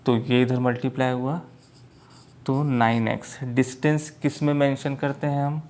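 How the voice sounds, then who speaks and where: A man teaching math at a board, speaking slowly and often checking that his students follow. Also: mid-range voice, level tone, darkish tone. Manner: slow, repeats "clear?" checks to students. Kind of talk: board lesson in Hindi mixed with English.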